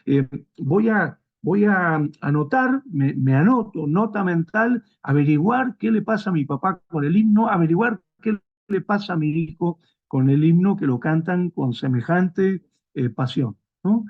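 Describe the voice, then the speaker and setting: High-voiced gravelly Rioplatense man storytelling. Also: expressive, a little slow, phone-quality sound. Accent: Rioplatense Spanish. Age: middle-aged. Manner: storytelling, acts out dialogue in varied voices. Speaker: guest lecturer. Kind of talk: seminar lecture with personal anecdote.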